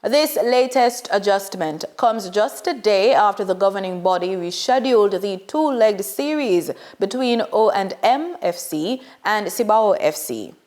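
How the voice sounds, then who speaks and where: A woman anchoring a news bulletin, reading in a measured, scripted way. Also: medium pitch, expressive, a little mellow.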